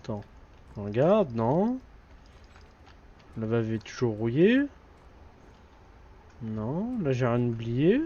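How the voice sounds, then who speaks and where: A man giving live commentary on a horror game as a streamer, excitable and jokily scolding the game's characters. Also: medium pitch, slow, long pauses. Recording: dull lo-fi stream audio.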